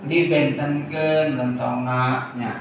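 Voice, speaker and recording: A man's voice: medium pitch, fairly even intonation, slow. Man, workshop teacher, casual chuckling explanations, echoey room, distant mic, faint noise. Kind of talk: workshop instruction.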